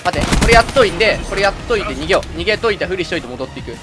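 Lively fast-talking man over loud game music. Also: high-pitched. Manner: chatty, stammers and restarts, excited outbursts. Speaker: gaming commentator. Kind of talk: casual gameplay commentary and chat.

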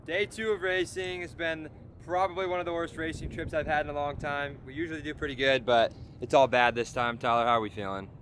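A young man talks casually into a handheld camera outdoors, his voice weak and pained, slangy and a bit dejected. Steady outdoor noise and passing vehicles sit clearly behind him. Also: a little high, brisk, few pauses. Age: young adult. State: in pain and weak. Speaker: motocross racer and vlogger. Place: outdoor race pits by trucks and trailers. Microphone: handheld camera at arm's length.

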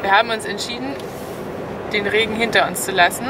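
A woman's voice: mid-range voice, steady tone, brisk, distant mic, very noisy. A woman on a road trip, chatting cheerfully to the camera from a car and outdoors. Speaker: travel vlogger. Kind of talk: casual travel vlog. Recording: music playing behind.

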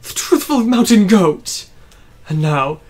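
A woman's voice: medium pitch, very animated, slow pace, darkish tone, voice pushed up. A woman voicing a ranting, grandiose male villain pilot from a mecha game, declaiming threats theatrically. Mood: gloating.

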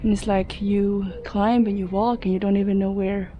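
Exploring an abandoned steel factory both indoors and outdoors, a young adult urban explorer vlogger talks casually to her handheld camera, thinking out loud in fragments. She keeps a level tone at medium pitch and a moderate pace. The sound is lo-fi, noisy handheld action camera audio.

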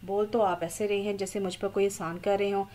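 Mellow woman doing a cheeky chatty young girl in an audio story. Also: medium pitch, little pitch movement, a little fast, natural voice. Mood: playful. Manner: chatty, teasing, dramatic. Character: lively teasing young woman.

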